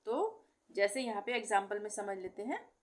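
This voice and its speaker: A woman's voice: mid-range voice, very animated, moderate pace. A middle-aged woman teaching a pronunciation lesson, patiently repeating example words and asking and answering her own questions. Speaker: language teacher. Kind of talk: explanatory lesson.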